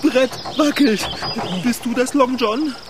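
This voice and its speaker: A man's voice: extremely high pitch, fairly even intonation, slow pace. A man voicing a timid, panicky character afraid of heights in a radio play, talking in an anxious, whiny way.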